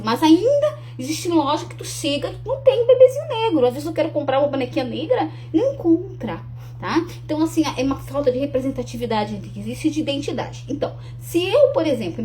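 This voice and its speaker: A woman's voice: sits high, darkish tone, a little hiss or hum. A young adult woman, talking earnestly to camera with frequent restarts and tag questions. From Rio Grande do Sul, Brazil. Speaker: speaker promoting her talk. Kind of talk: casual to-camera talk.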